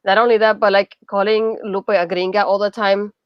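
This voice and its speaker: A woman's voice: medium pitch, normal speed, no room sound, muffled recording. A Puerto Rican woman with a Puerto Rican accent, chatting casually in a book discussion and filling her talk with "like". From Puerto Rico. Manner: chatty, frequent "like", animated asides. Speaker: book club co-host.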